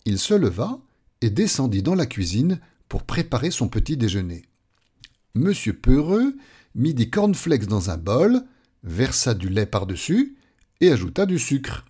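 Storyteller, male, lively, unhurried children's book reading. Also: medium pitch, breathy edge. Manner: expressive, playful.

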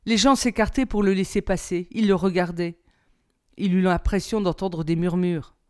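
A woman, a teacher, reading a novel aloud in a calm, even storybook narration. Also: lowish voice, normal speed.

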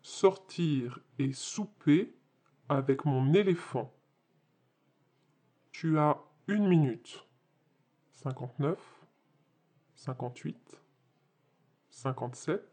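A menacing female sphinx taunts her prey in a storybook audiobook, as a woman puts her on. She speaks low and extremely slowly, dragging each word out. The tone stays mocking and cruel. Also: dark tone. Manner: drawn-out, taunting, counts down slowly. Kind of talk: storybook narration.

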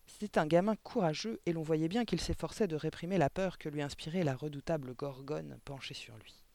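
A man's voice: fairly high pitch, a little fast, gravelly, a little mellow, no room sound. Man reading a children's storybook aloud. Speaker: audiobook reader. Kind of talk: storybook narration.

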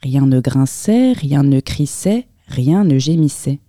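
Low, mellow woman reading a storybook. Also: takes it slowly, dry recording, clean studio sound. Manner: expressive, lively storytelling. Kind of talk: reading a children's picture book aloud.

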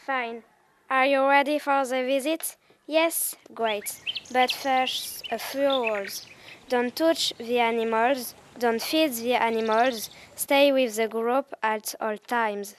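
A woman's voice: a little high, slow, slight background noise. A schoolgirl playing a cheerful zoo guide who gives a class the rules in a school play. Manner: upbeat, giving instructions.

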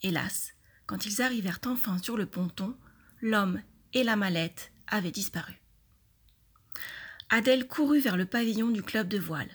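A woman with a slightly husky voice reads a children's mystery story aloud to pupils. Her storytelling is clear and expressive, at an ordinary pitch for a woman. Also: normal speed, long pauses. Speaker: storyteller reading to schoolchildren.

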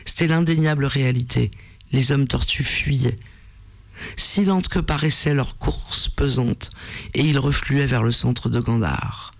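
A man hosting a radio program, reading a story aloud in a measured, deliberate way. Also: mid-range voice, no room sound.

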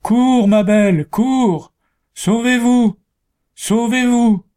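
A man's voice: very high voice, very slow, dark tone, voice pushed up, exaggerated voice. A man voicing a desperate woodcutter father in a read-aloud story, crying out to his wife in a strained, raised voice.

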